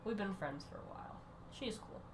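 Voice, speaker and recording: A young-sounding woman talks over her drawing footage in a loose, rambling way, losing her thread and starting over. She is sick, and her voice sits at an ordinary middle pitch. A faint noise runs underneath. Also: expressive. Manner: rambling, self-interrupting, quick bursts. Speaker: art channel creator.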